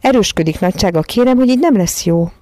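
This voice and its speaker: A woman voicing a calm, matter-of-fact young nanny in a storybook reading. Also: medium pitch, no room sound, natural voice.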